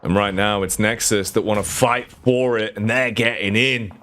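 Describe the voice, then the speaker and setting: A man's voice: fairly even intonation, background noise. Man calling game action play-by-play. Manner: rapid play-by-play that jumps up in pitch on big plays. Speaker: esports caster. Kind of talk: live play-by-play commentary.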